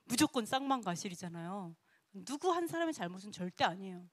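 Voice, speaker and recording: A woman teaching a casual sermon in a lively way. She laughs often and acts out quoted speech. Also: mid-range voice, a little fast, no echo, studio quality. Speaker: Bible teacher.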